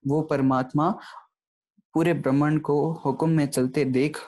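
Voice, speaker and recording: A man's voice: fairly high pitch, little pitch movement, measured pace, a little mellow. A man giving an online grammar lecture, explaining step by step and often checking in with his listeners. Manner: explanatory, keeps checking in with "thik hai". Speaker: Gurbani grammar teacher.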